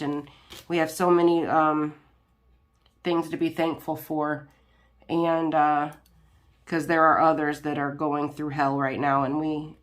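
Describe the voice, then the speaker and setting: A low-pitched woman with a stuffy, nasal voice from a cold talks loosely to her viewers as she crafts. She wanders from thought to thought, filling pauses with ums and restarting sentences. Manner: rambling, many ums and restarts. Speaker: crafting channel host. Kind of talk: casual chat while diamond painting.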